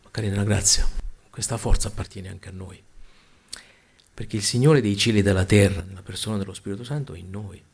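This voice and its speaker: Male preacher, sermon delivery, gravelly rasp, loud exclamations dropping to hushed lines. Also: fairly low pitch, steady tone, a little fast. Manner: swings between loud exclamations and hushed, near-whispered lines.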